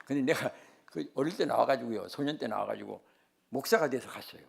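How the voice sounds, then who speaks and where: Older gravelly-voiced Korean pastor preaching. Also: male voice, mid-range voice, a little fast. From Chungcheong, South Korea. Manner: animated preaching with humorous personal stories. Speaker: senior pastor. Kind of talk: sermon.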